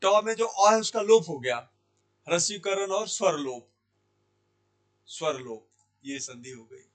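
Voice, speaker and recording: A male Hindi teacher giving a grammar lesson, his voice sitting a bit higher than most men's. He keeps asking the class a question and then answering it himself, and he says each key word slowly, more than once. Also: lively intonation. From India. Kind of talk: classroom lesson explaining sandhi. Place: Jaipur language institute.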